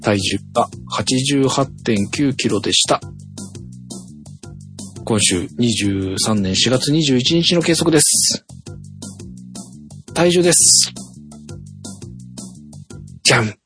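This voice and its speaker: A man's voice: medium pitch, lively intonation, takes it slowly, long pauses, fairly bright tone, faint music behind. A man casually reading out his diet results on a chat podcast, laughing at himself, with a light lilt. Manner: reads out numbers with little drumroll cues, laughs at himself.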